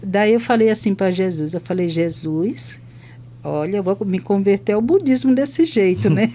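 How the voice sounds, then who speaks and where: A woman's voice: mid-range voice, moderate pace, a little hiss or hum. An older woman, a hospital chaplain from Brazil, telling testimony stories on a podcast and acting out both sides of each conversation. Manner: lively retelling that acts out both sides of conversations.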